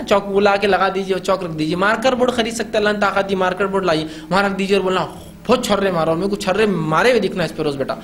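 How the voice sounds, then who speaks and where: High-voiced man giving a casual parenting talk. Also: a bit bright, slight background noise. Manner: conversational, acts out parents' scolding lines. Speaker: Islamic lecturer on parenting. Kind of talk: informal talk to an audience.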